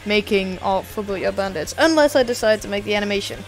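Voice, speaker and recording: A woman's voice: mid-range voice, expressive, fairly quick, faint music behind. A young adult woman streamer chatting casually, rambling and self-deprecating, swearing now and then.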